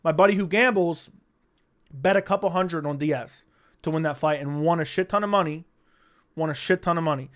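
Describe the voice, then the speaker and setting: A young man with a smooth, clear voice that sits a little high for a man. He hosts a loose, rambling livestream, swears freely, and answers chat questions as they come. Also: moderate pace, a bit bright. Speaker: livestream host.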